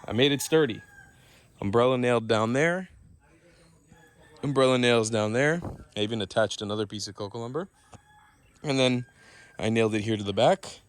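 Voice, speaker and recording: A man's voice: moderate pace, pauses often. Man vlogging his home build. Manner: loud pitched-up dog commands; relaxed explaining tone. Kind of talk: casual vlog narration.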